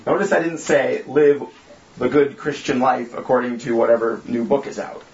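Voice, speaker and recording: A man's voice: mid-range voice, moderate pace, creaky, a little mellow. A young man leading a church group, giving a candid, self-mocking informal sermon and acting out the voices he quotes. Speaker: small-group church leader. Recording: echoey room, dull lo-fi sound.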